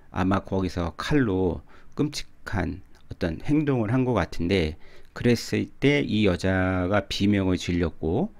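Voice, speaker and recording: A man explains English pronunciation in a calm, teacherly way. His voice sits low, and he talks at an easy, slow pace. He repeats words carefully to model how they sound. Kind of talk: explaining song lyrics and pronunciation.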